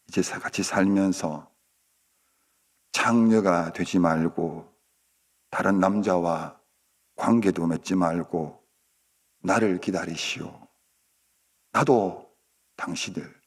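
A man voicing a tender husband who soothes his wife in a hushed, slow, gentle voice. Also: low voice, pitched below the performer's own voice, full character voice.

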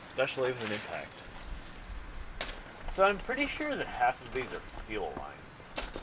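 A man's voice: medium pitch, wildly swooping pitch, normal speed, background noise. A young man chatting casually and swearing while he works on a car in a driveway outdoors, picked up by a camera on the ground. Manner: laid-back, swearing, dry. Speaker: car vlogger.

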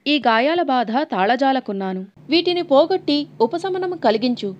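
A woman's voice: high voice, expressive, normal speed, highs cut off. Casting: a woman playing a pleading male demon, wounded and desperate, in an audiobook. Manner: begging, pained. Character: burned male demon spirit, pleading and broken.

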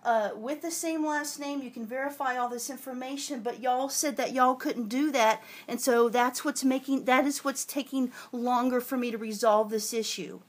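A woman with a high voice talks into a handheld phone outdoors in a parking lot. She stays polite but keeps pressing for clear answers, asking again and again until she gets them. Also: steady tone, moderate pace, few pauses. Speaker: towing victim filming her ordeal. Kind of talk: handheld phone vlog and phone call. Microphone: phone camera held in hand.

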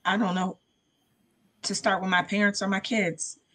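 A woman's voice: medium pitch, level tone, normal speed, sharp tone. Emotional woman sharing her story. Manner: emotional, heartfelt, tearful at times. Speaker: panelist. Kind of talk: personal testimony on a panel.

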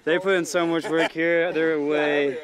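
A man's voice: a little high, flat delivery, unhurried. A man in his thirties, a laid-back, slangy rider, chatting casually outdoors into a nearby camera. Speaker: bike rider working on the course. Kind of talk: casual chat. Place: outdoors on an open dirt course. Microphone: camera mic at a short distance. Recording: outdoor camera audio with crowd noise.

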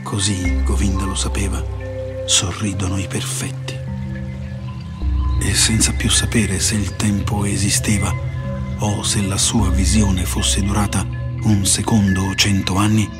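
A man narrating a literary audiobook in a warm, slow, contemplative and often hushed voice. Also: low voice, flat delivery. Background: faint music.

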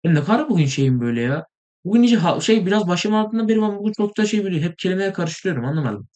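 A young man casually commenting on his gameplay, rambling and excitable, sometimes mumbling, saying he is tired. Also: high-pitched, very fast. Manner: rambling, excitable, swears in frustration, trails off into mumbling. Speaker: gaming video host.

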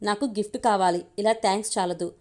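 A woman's voice: medium pitch, steady tone, brisk, a little mellow, natural voice. A woman reading the lines of a playful, fond younger sister in an audio story, coaxing and teasing.

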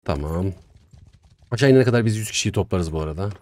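A young man giving casual, chatty commentary while playing a strategy game, talking to himself with excitable swings. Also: low voice, fast. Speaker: gaming YouTuber. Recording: faint music behind.

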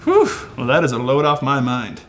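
A man's voice: mid-range voice, wildly swooping pitch, moderate pace, fairly bright tone, a little hiss or hum. A young man performing a comedy sketch, overly dramatic in his reactions.

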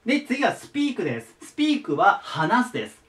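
A man's voice: high voice, wildly swooping pitch, a little slow, a bit bright, distant mic. A man teaching English verbs to students, patiently repeating each word form. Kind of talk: explaining English vocabulary to students.

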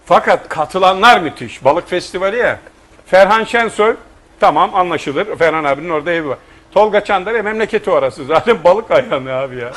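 High-voiced Aegean Turkish man, joking storyteller. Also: a little fast. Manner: animated, laughing, mimics regional speech. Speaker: guest storyteller. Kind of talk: casual chat, telling jokes and anecdotes.

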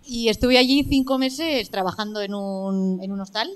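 Rich: A woman from Navarre in Spain tells her story on stage in a calm, well-ordered way. Her voice sits at an ordinary middle pitch. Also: normal speed, slight background noise. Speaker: audience member telling a story. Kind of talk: casual anecdote on stage.

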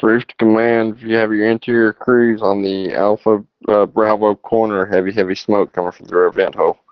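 A firefighter speaking in terse procedural phrases over a two-way emergency radio, like ambulance radio traffic. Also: male voice, on the low side, flat delivery, brisk, clear, resonant tone, no echo. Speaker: firefighter on roof crew. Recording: dull lo-fi radio transmission.

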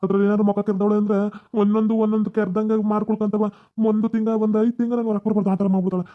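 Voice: mid-range voice, flat delivery, phone-quality sound, close to an everyday voice. Someone doing a panicky village man on the run. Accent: North Karnataka Kannada. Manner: fast, panicky pleading. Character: panicky village man, ex-convict, running scared. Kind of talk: cartoon comedy voice acting.

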